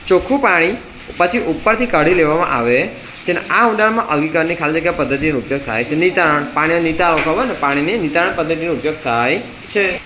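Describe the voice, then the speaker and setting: A man's voice: on the high side, lively intonation, fast talker, noisy background. A man teaching a science class with a Gujarati accent, drilling students by asking a question and repeating the answer again and again. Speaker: tuition teacher. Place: tuition classroom.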